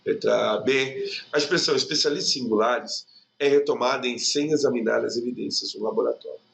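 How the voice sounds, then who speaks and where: A man's voice: mid-range voice, fairly quick, vocal fry, a bit bright. A man from Brazil walking through exam grammar questions as a teacher, casually checking in with rhetorical questions. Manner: informal, explains with rhetorical questions and "tá?".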